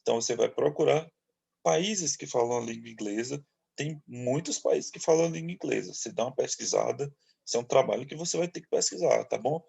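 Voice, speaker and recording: A man from Brazil teaching an English lesson to eighth graders, explaining slowly and often checking in with his students. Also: medium pitch, vocal fry, mellow, husky. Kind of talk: online class lecture.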